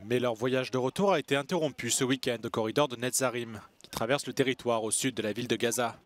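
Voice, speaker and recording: A man anchoring a news bulletin, reading scripted reports in a measured, even manner. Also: mid-range voice. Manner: measured, even newsreader delivery.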